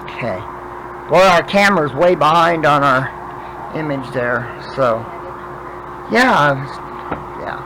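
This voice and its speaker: Toothless guy on a craft vlog, kinda high voice, slurry, halting, chatting while he works, noisy hum behind him. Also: expressive. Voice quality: toothless, slurred speech without teeth in. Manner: halting, thinking aloud. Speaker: craft vlogger demonstrating wood burning. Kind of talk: casual chat while working.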